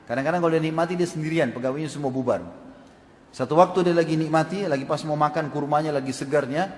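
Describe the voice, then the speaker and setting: An Islamic preacher with a rather high voice delivers a fast sermon, asking his audience questions and acting out quoted speech. The recording comes from an echoey hall with long reverb.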